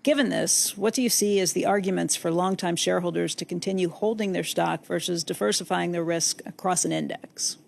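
A woman in her forties, moderating a shareholder Q&A, reads questions aloud in a measured way at a desk mic on a stage set. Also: fairly low pitch, creaky. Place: stage set with curtain backdrop. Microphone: desk microphone.

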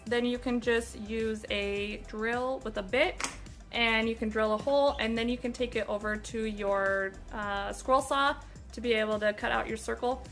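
A woman's voice: a little high, fairly bright tone. Chatty woman teaching in a workshop. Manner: upbeat, chatty, laughs at own slips. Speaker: woodworking instructor. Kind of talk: casual step-by-step tutorial. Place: indoor woodworking shop. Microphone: phone camera at arm's length.

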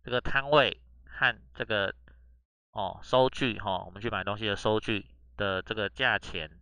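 Taiwanese-accented male Japanese tutor, casual lesson, lowish bright voice, reads Japanese then explains it, full of "oh" and "ha" fillers. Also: steady tone, normal speed, clean tone, no echo. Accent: Taiwanese Mandarin. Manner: chatty, drops "oh" and "ha" between nearly every phrase. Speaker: Japanese language teacher. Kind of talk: casual online lesson reading through a news text.

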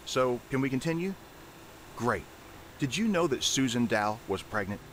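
A man's voice: mid-range voice, expressive, normal speed, fairly bright tone, a little hiss or hum, lightly acted. An actor playing a formal, probing male interrogator in a horror game. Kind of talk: scripted game voice acting.

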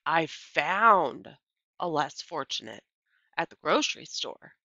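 A woman's voice: sits low, lively intonation, slow, gravelly, sharp tone, no echo, exaggerated voice. A woman voicing an earnest young girl in a storybook, politely coaxing and pleading with emphasis. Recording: dull, lo-fi computer microphone sound.

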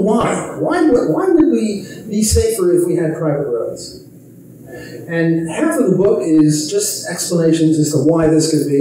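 An older economist gives an informal, chatty convention talk on a handheld mic from a large hotel ballroom stage, tossing in wry, self-amused asides. His voice is a little high, and the camera catches it from a distance, with ballroom echo.

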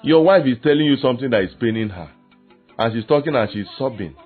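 A male pastor preaches in a lively, animated way, acting out little scenes between husbands and wives. His voice is husky, and the sound is thin and phone-like, with faint music underneath. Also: medium pitch, quick pace. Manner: lively preaching with acted quotes and laughter. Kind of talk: sermon.

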